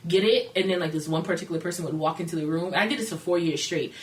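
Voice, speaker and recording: A young woman in her twenties telling a story on a podcast in a casual, animated, slangy way, laughing as she goes. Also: lowish voice, quick pace. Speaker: podcast guest. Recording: roomy, distant mic with faint noise.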